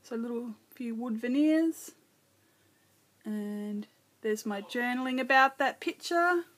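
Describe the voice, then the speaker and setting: A woman's voice: fairly high pitch, takes it slowly. A middle-aged woman casually narrating her scrapbooking as she works, thinking aloud and correcting herself as she goes. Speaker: craft video host.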